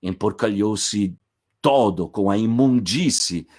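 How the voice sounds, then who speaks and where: A man casually retelling a classic tale aloud, animated and playful. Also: fairly low pitch, slow. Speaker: storyteller.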